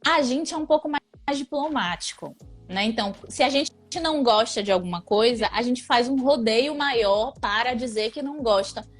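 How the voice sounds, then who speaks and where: A woman's voice: a little high, lively intonation, moderate pace, soft background music. A young woman from Brazil with a Bahian accent, chatting casually as an interview guest and laughing often. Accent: Bahian Portuguese.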